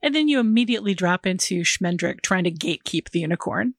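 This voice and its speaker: A woman's voice: fairly low pitch, expressive, quick pace, dry recording. A woman hosting a film discussion podcast, articulate and enthusiastic as she steers the talk.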